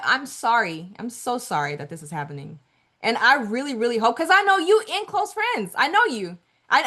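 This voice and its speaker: A woman hosting a live webinar, chatting casually with attendees in an animated way and repeating her words. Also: fairly high pitch. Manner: animated, repeats herself, calls people girl. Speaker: webinar host.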